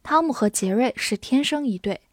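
A woman with a slightly high voice teaching English vocabulary to Chinese speakers. She spells each word out letter by letter and reads the example sentences slowly and clearly. The sound is close and dry, with no room echo. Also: animated. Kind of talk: scripted vocabulary lesson.

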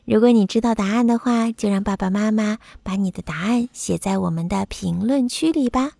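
Soft-spoken woman telling a bedtime story. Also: medium pitch, brisk, vocal fry, no echo. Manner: soft, soothing.

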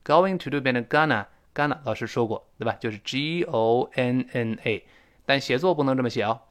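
A man's voice: medium pitch, normal speed, fairly bright tone. A man teaching a spoken English lesson, explaining pronunciation and modeling phrases for learners to repeat.

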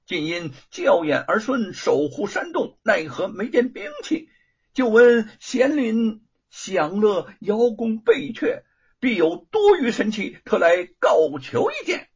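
A shrill, cocky Monkey King. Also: husky, full character voice. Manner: shrill, fussy, demanding. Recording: dull lo-fi recording.

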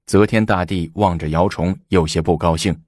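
A man narrating a historical story in an expressive storytelling manner. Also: low-pitched, normal speed, no echo, studio quality.

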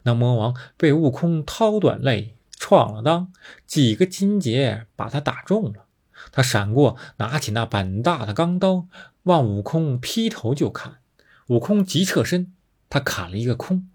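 A man narrating a classic novel with expressive, dramatic storytelling. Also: medium pitch, a little slow, slightly rough.

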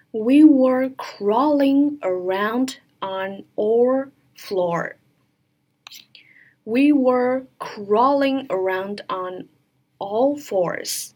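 A woman teaching an English pronunciation lesson, reading model words and sentences slowly and clearly. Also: medium pitch.

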